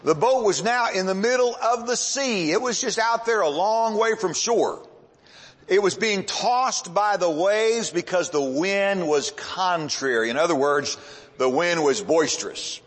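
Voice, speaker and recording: High-voiced man preaching in a reverberant hall. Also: fairly bright tone, breathy edge. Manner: preaching with sweeping pitch swings and dramatic pauses. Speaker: pastor. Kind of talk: sermon.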